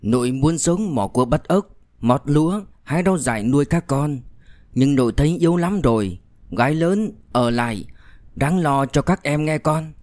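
A man voicing a frail, dying old grandmother who speaks slowly and faintly in an audiobook reading. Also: on the high side, animated, darkish tone, dry recording, voice pushed up, lightly acted. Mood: weak. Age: older. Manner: slow, faint, trembling.

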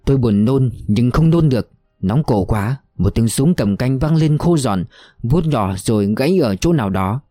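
A man's voice: medium pitch, moderate pace, dry recording, faint music behind. Somber male audiobook narrator. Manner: somber, steady reading. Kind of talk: scripted narration of a war novel.

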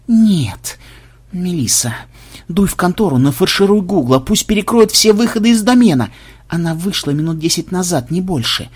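A man voicing a cold, sharp-witted male programmer investigator who speaks calmly in clipped, probing lines, in an audiobook. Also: high voice, normal speed, breathy edge, voice pushed up. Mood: commanding. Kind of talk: audiobook character voice.

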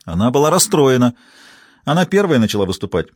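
A man voicing a grumpy sixty-one-year-old father who speaks gruffly and defensively. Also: mid-range voice, very animated, a little fast, dry recording, clean studio sound.

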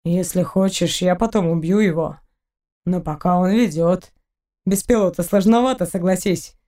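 A woman voicing a gruff, boozy male space pirate who grumbles and talks brashly in an audiobook. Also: on the low side, fairly even intonation, measured pace, dark tone, voice pushed down, lightly acted. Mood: unbothered.

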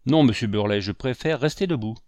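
A man's voice: mid-range voice, a little fast, darkish tone, no echo, clean studio sound, natural voice. A man voicing a proud, upset young woman in an audiobook, curt and defensive. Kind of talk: audiobook character voice.

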